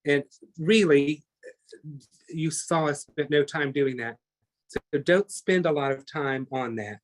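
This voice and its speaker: A man with a slightly high voice leads a live online painting class at a slow pace. He's chatty, talks through every step as he works, and often corrects himself mid-sentence.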